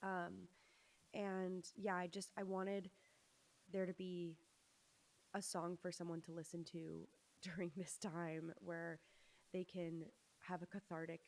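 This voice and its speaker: A young woman from Los Angeles talks casually as a guest in an interview. Her voice sits on the low side, and she rambles, self-deprecating, through fillers and restarts. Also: level tone, slow. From Los Angeles, USA. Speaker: musician guest.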